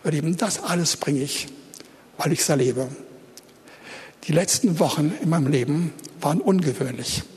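A man's voice: fairly high pitch, expressive, normal speed, long pauses, a little mellow. A man preaching and praying before a congregation, speaking earnestly and addressing them directly. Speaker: pastor. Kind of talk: sermon and prayer. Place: church hall. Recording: long hall reverb.

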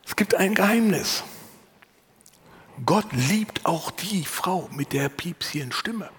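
A pastor preaching a sermon, earnest and lively, sometimes dropping to a whisper and then rising for emphasis, with a voice he himself calls unusual. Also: high voice, takes it slowly, in a large hall. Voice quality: husky. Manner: earnest, varied, drops to whispers and rises for emphasis. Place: church.

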